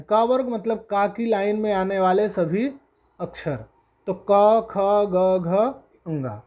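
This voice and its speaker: A Sanskrit teacher with a medium-pitched, dark-toned voice gives a classroom-style lesson, repeating each letter one by one. They pose questions, answer them, and add English glosses for terms. The recording's highs are cut off.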